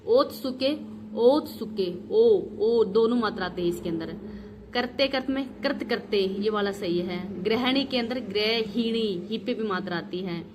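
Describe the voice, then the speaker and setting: A woman teacher giving an exam revision lesson, repeating each word slowly to drill its correct spelling. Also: medium pitch, noisy background.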